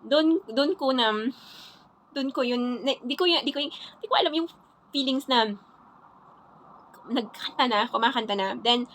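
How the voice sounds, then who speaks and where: High-voiced woman giving a halting testimony. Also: a bit bright, slight background noise, poor audio. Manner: halting, repetitive storytelling with many restarts. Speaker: churchgoer sharing her testimony. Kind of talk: personal faith testimony.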